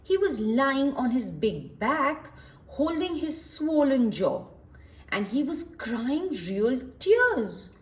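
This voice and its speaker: A woman's voice: high-pitched, sing-song, takes it slowly. A woman reading a story aloud to young children, expressively, explaining and asking questions with emphasis and repetition.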